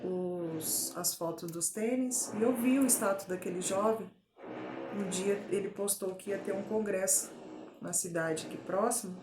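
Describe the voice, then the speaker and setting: A woman with a Brazilian Portuguese accent giving a personal faith testimony at home, telling her story earnestly and deliberately with frequent tag fillers. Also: medium pitch. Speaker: testimony giver. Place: at home, indoors. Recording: echoey home room. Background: faint drill noise.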